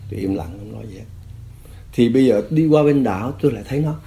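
An older man, recounting a personal story in a measured, often quiet and subdued way. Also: medium pitch, expressive, creaky.

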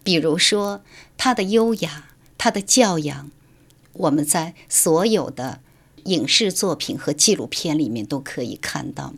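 A woman's voice: low-pitched, expressive, measured pace, husky. A woman writer from Shanghai, guest on a radio interview, explaining her views in an articulate, lecturing way.

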